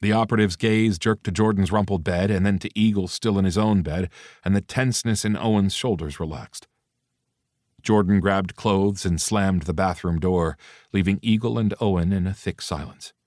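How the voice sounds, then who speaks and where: A man narrating a novel with an even, matter-of-fact read. His voice is very deep and recorded bone-dry in a booth. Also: normal speed, no echo. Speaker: audiobook narrator. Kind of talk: scripted narration.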